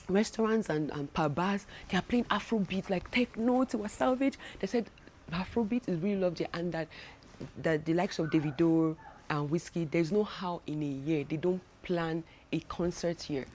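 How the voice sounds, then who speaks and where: A young Nigerian woman with a Nigerian accent chats casually to camera for her travel vlog, with many restarts and repeated words. Her voice is lowish, and there's slight background noise.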